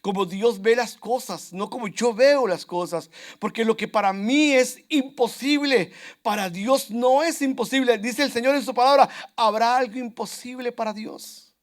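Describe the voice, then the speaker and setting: A man's voice: very high voice, normal speed. A man preaching a sermon to his congregation in an earnest, repetitive way, often calling out to his brothers and sisters. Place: church.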